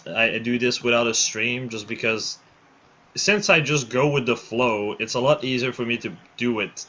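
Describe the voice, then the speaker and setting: A man talking into a headset on a livestream, the sound dull and lo-fi. His voice is bright and forward, mid-pitched, and he chats loosely, stumbling and restarting as he goes. He runs the show in a relaxed, off-the-cuff way. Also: moderate pace. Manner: rambling, restarts often. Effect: livestream headset mic audio. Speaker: livestream host running a build showcase. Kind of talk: casual live-stream chat. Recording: dull lo-fi stream audio.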